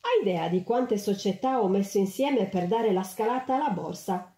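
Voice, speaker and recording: A woman voicing an ambitious, detached businesswoman in a storybook, talking in a drawn-out, incredulous way, in a roomy space. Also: mid-range voice, expressive, warm tone, close to an everyday voice. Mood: scoffing. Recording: roomy echo.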